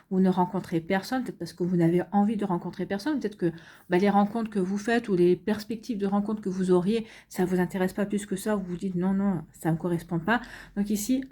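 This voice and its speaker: A woman reads tarot for her viewers in an unhurried, reassuring way. Her voice is warm and mellow, with frequent pauses and restarts, and she sounds tired. Her pitch is neither high nor low for a woman. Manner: gentle, reassuring, many fillers and restarts. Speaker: tarot reader. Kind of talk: casual tarot reading for viewers.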